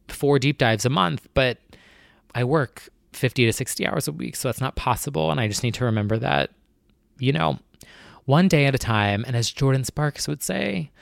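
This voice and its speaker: A nervous young man talks alone into the mic, rambling and candid, with plenty of fillers. His voice has a gravelly, creaky edge and sits in a middle pitch. The sound is dry and close, with no room around it. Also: no echo. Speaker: podcast host. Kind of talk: casual solo talk.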